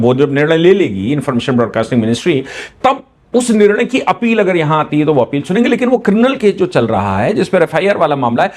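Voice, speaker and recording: A man, a law teacher giving an animated lecture and acting out examples with shifting emphasis. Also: a little high. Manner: animated explaining, acts out examples with changing emphasis. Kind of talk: lecture on a legal news topic.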